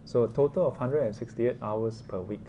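Male teacher, Singaporean or Malaysian accent, mid-pitched voice, informal interactive lesson, question-filled delivery, clearly noisy room recording. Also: fairly quick, lo-fi sound. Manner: conversational, asks short prompting questions with particles like lah and ah. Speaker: teacher leading a class.

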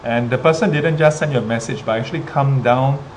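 This livestream host, a man with a Singaporean accent and a medium-pitched voice, casually recounts a story for his viewers, speaking as a teacher to students. He sounds hesitant, stopping frequently and repeating himself, while rain and ambient noise fill the clearly noisy background.

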